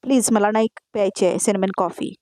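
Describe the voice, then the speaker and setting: A woman voicing a stubborn, sharp-tongued young wife in a serial recap, with tart, dismissive retorts in a dry sound. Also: mid-range voice, fast talker, no echo, lightly acted.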